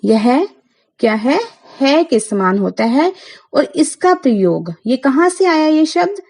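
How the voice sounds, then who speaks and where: Slow, questioning woman teacher. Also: sits high, a little mellow, rough recording. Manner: asks the class questions, then answers them herself; spells out sounds one by one. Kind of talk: Hindi grammar lesson for schoolchildren.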